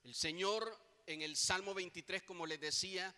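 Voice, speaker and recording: A man's voice: high voice, normal speed, bright, forceful tone. A male pastor with a Mexican Spanish accent preaching a sermon in a church, often asking his congregation questions and tagging lines with "right?". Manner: preaching with rhetorical questions, tag "¿verdad?". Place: church hall. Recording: echoey church hall.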